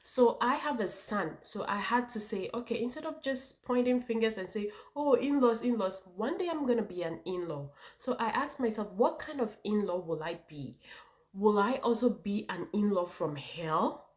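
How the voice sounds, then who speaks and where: A woman's voice: medium pitch, expressive, moderate pace. A woman with a Ghanaian accent speaking emphatically to her viewers as a vlog host, repeating points and posing rhetorical questions. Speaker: vlogger and channel host. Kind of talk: opinionated personal talk to viewers.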